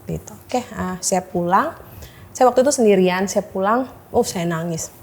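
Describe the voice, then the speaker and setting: A woman's voice: medium pitch, normal speed, a little mellow. A woman in her thirties telling her own hard story as an interview guest, hesitant, with many fillers, acting out what doctors told her. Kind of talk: emotional personal testimony.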